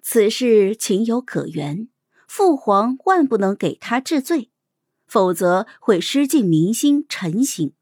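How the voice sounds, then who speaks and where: A woman hosting and narrating an audiobook, telling the story in an animated, expressive way. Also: mid-range voice, takes it slowly, no echo, studio quality.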